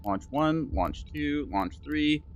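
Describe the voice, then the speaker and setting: A man's voice: a little high, lively intonation, slow pace. A man streaming a strategy game, giving casual, joking commentary full of fillers. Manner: joking, rambling, lots of fillers.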